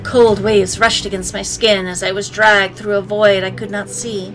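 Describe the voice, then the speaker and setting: A woman's voice: medium pitch, little pitch movement, normal speed, poor audio. A woman hosting a let's play, reading game narration aloud with playful, sassy commentary. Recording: faint game music behind. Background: game music.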